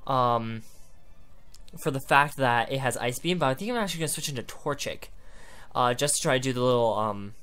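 A man talking through an online game battle, hiccuping now and then as he goes. His voice is smooth and clean, sitting at a middling pitch. He muses aloud about each move in a loose, rambling way. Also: expressive, a little fast, a bit bright, soft background music. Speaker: gaming YouTuber. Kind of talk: live battle commentary.

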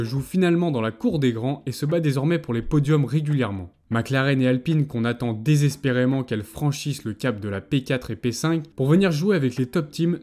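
Male YouTube narrator, mellow tone, measured explanatory read over faint music. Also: mid-range voice. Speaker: YouTube F1 commentator.

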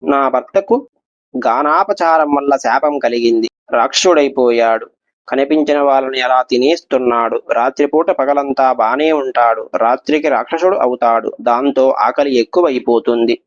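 A man's voice: mid-range voice, moderate pace, dry recording, natural voice. A man voicing a young celestial wife who humbly begs a sage for help, in a dull lo-fi recording. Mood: pleading. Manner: imploring, humble.

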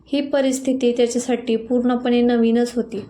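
A woman tells an emotional family story in a gentle, expressive voice. Her fairly high voice gives the scripted reading a soft touch. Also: moderate pace. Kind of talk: scripted narration.

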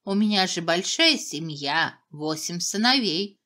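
A scheming, crafty royal advisor who coaxes and giggles, voiced by a woman reading a children's storybook. His bright voice slides up and down as he wheedles. He sounds sneaky and self-serving. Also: fairly low pitch, lively intonation, measured pace. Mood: wheedling. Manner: wheedling, giggling, hoarse when angry. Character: sly scheming male royal advisor, adult.

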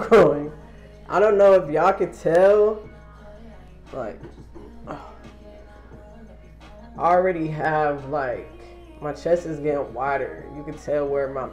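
A young vlogger holds the camera at arm's length in a small wood-paneled room and gives a casual update, full of loose slang and free swearing in a laid-back way. His voice is fairly high with a darkish tone, and he speaks slowly with frequent pauses. Soft music plays in the background.

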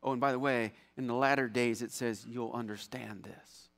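A man preaching a sermon as pastor, animated, swinging from loud emphasis to hushed tones and acting out voices from scripture. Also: mid-range voice, moderate pace. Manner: acts out biblical voices mid-sermon.

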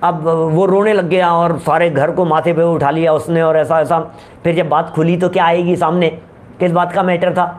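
A man's voice: a little high, level tone, moderate pace. A middle-aged man preaching a religious discourse. He tells everyday stories and keeps asking his listeners rhetorical questions. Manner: storytelling with everyday examples, asks rhetorical questions.

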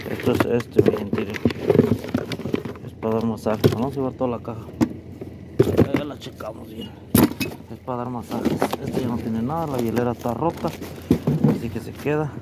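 A man's voice: medium pitch, steady tone, normal speed, creaky, long pauses. A man, casually narrating to his viewers as he picks through curbside trash outdoors on a body-worn camera. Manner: chatty, keeps addressing viewers as "mi gente". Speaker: vlogger. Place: outdoors on a residential street. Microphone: chest-mounted action camera. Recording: loud outdoor street noise.

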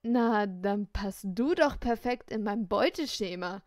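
A woman's voice: mid-range voice, expressive, a little slow, dry recording, clean studio sound, natural voice. Woman playing a smug, cocky teenage boy. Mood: smug teasing. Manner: smug, teasing, self-satisfied. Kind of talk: audiobook reading of a novel.

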